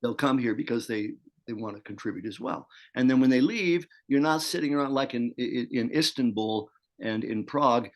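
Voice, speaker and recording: An older man chatting as an interview guest, with a voice of ordinary middle pitch. He talks in a meandering, chatty way and often restarts his sentences. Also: normal speed. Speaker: interview guest, actor and teacher. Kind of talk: casual video interview.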